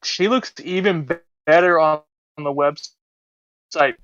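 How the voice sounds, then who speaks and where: A man's voice: on the high side, slow, fairly bright tone, no echo, faint music behind. Man's voice breaking up on a glitchy call. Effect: voice breaking up over a glitchy call connection. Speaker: podcast panelist. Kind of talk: casual chat on a call. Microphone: remote call mic. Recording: dull lo-fi call audio.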